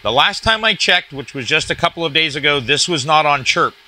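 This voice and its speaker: Bright-voiced man demonstrating a gadget. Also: a little high, expressive, brisk. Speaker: radio product reviewer. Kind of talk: casual hands-on gadget demonstration. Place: indoors at a cluttered wooden desk.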